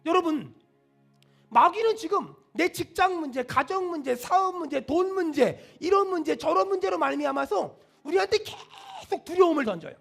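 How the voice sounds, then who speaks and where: A man's voice: very high voice, normal speed, gravelly, faint music behind. A male pastor preaching a sermon, leading the congregation to repeat after him. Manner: animated preaching with call-and-response.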